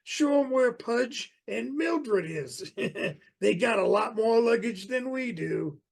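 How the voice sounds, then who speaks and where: Man doing a very high, creaky comedy partner. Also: animated, slow pace, heavily acted. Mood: breezy. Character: George, chatty bickering partner in a cartoonish comedy. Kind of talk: comedic audio play acting.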